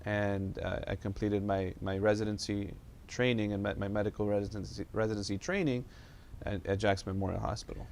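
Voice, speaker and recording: A man's voice: on the low side, little pitch movement, a little fast, gravelly, a little mellow, a little hiss or hum. A young man from South Florida, a medical doctor, answers questions in a studio interview, speaking hesitantly with many fillers and restarts. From South Florida, USA. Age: young adult.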